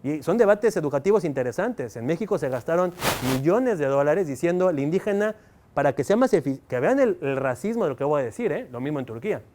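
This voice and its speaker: A man's voice: fairly high pitch, animated, quick pace, a little mellow, slight background noise. A male university professor with a Mexican accent, lecturing students and firing rhetorical questions at them. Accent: Mexican Spanish. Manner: engaging, fires rhetorical questions at the audience.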